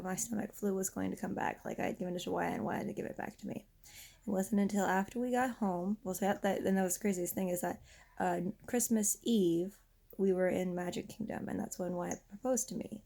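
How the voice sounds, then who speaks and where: A young woman in her twenties, hoarse from losing her voice, rambling casually in a vent vlog while lying down. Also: on the low side, dark tone. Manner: lying down, rambling with many restarts. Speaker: vlogger.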